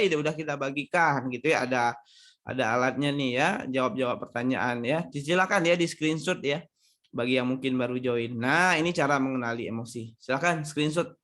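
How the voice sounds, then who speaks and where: A man from Sumatra answers audience questions in a relaxed online talk on marriage, his voice sitting a little high for a man. He speaks conversationally, often closing his points with tag questions. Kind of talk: live online seminar with Q&A.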